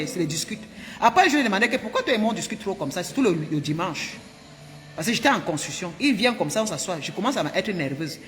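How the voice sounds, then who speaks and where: A woman tells her viewers a story at a quick clip. She talks in an animated, emphatic way, circling back and repeating herself. Her voice rings in a roomy space, with faint music underneath. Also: mid-range voice. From Cameroon. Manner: animated and emphatic, with frequent repetitions. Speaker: vlogger.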